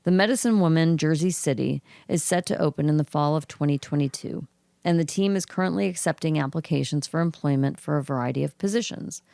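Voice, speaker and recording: Here the same sort of woman co-host, deep-voiced and a touch fast, goes through cannabis news in an easygoing way with no echo in the sound. Her voice is froggy and gravelly, and she keeps an even reading pace broken by throat clearing.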